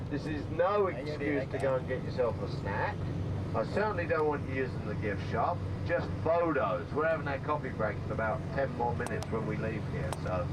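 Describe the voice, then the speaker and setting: A man giving a joking, playful running commentary as a tour guide on a moving bus. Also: on the high side. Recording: distant voice with road noise.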